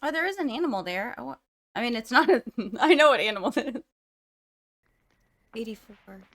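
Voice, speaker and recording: A woman's voice: on the high side, expressive, fairly quick. A young woman hosting a first-time movie reaction, musing aloud and gasping and exclaiming as she watches. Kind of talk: casual movie reaction commentary.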